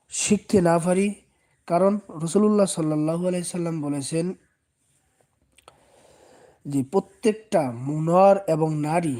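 A man's voice: a little high, mellow. A man with a Bangladeshi Bengali accent giving a patient Quran reading lesson, repeating each letter and drawing out its sounds. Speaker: Quran teacher. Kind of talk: slow step-by-step recitation lesson.

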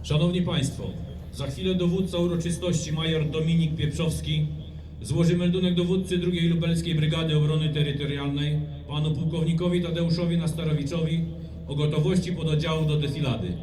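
A man's voice: fairly high pitch, level tone, brisk, mellow, slight background noise. A man making formal, solemn scripted announcements as the host of an outdoor ceremony on a town square. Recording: echoing outdoor PA, music behind.

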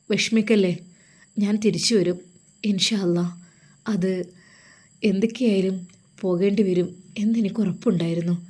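A woman voicing a calm, fearless young male religious teacher reassuring his family in an audio story. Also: medium pitch, lightly acted.

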